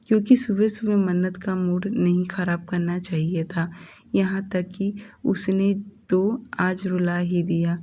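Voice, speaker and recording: Slow, flat-voiced woman storyteller. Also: on the low side. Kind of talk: audiobook narration of a romance story.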